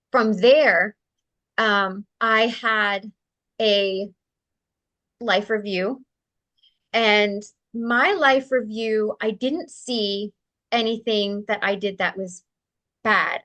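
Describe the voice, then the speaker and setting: A woman's voice: mid-range voice, steady tone, slow pace, pauses often, fairly bright tone. A woman who is a guest in an interview, telling a personal story in an earnest, open way, with light laughs and fillers. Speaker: interview guest, spiritual practitioner.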